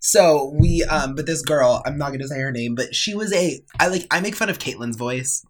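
A woman's voice: low voice, moderate pace, soft background music. A woman in her twenties co-hosting a podcast, chatting casually and telling rambling stories with frequent laughter. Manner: rambling storyteller, laughs often. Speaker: podcast co-host. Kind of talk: casual chat.

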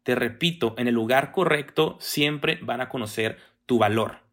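A man's voice: mid-range voice, measured pace, fairly bright tone. A young man giving a motivational talk, speaking directly to the listener and checking in with frequent rhetorical questions.

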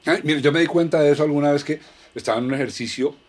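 A man's voice: on the high side, racing. A man with a Colombian accent in casual conversation, explaining ideas in a mock-philosophical way and acting out little quotes.

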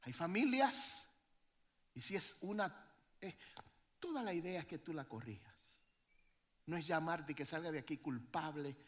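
A man preaching a sermon as pastor, animated and joking with his congregation, sometimes breaking into shouts. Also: on the high side, moderate pace, long pauses. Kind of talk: lively church sermon.

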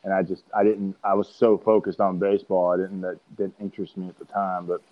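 A man's voice: sits low, little pitch movement, a little fast, lo-fi sound. A man in his forties as an interview guest, talking in an easygoing, loose way. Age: 40s. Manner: easygoing, loose, laughs often. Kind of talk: casual interview chat.

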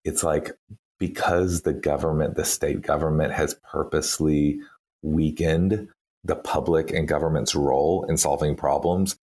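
A Texas man with a Texan accent, working as a campaign strategist, speaks as an interview guest in a chatty way, thinking aloud and leaning on fillers such as "like" and "you know". His voice is a rumbling low with fairly even intonation, a darkish tone and a slightly slow pace.

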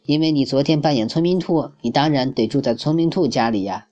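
A man voicing a clever young rabbit in a children's story, explaining things in a calm, assured way. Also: medium pitch, fairly quick, highs cut off, natural voice. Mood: reassuring.

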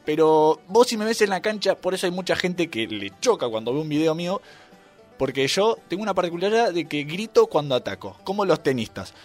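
Guesting on a radio interview, an Argentine volleyball player and YouTuber jokes and tells stories with animated energy. His voice is a little high and brisk, with an Argentine Spanish accent. Faint music plays in the radio studio.

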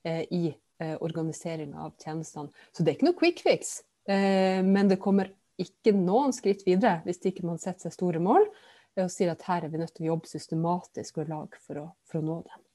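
A woman politician answering questions in a casual interview over a video call, pausing often with filler sounds. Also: lowish voice, dark tone, no room sound. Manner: hesitant, many filler sounds. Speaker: politician, podcast guest.

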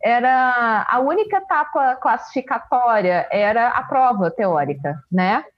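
A woman, a forensic expert and teacher, telling her story in an interview in a casual, animated way with many fillers. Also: on the high side, measured pace, dry recording, muffled recording. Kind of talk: interview answers, personal story.

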